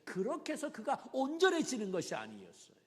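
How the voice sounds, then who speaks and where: A male pastor preaching a sermon dramatically, swinging between loud emphasis and whispers. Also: very high voice, huge pitch swings, brisk, long reverb tail.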